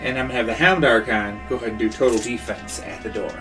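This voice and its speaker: A man playing a tabletop game, eagerly planning his moves out loud. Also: medium pitch, fast talker, distant mic, music in the background. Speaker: player. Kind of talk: casual game talk.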